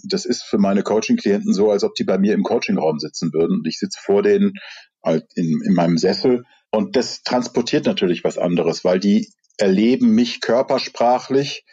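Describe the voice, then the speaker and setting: A man from the Rhineland working as an executive coach, speaking in a measured, reflective and candid way in an interview over a video call. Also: lowish voice, warm tone, slightly rough, highs cut off. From Rhineland, Germany.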